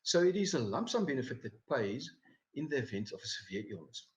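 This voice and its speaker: A man's voice: mid-range voice, very animated, fairly quick. A man, a financial advisor, giving a live presentation over slides, with many fillers and repeated words. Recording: dull lo-fi recording.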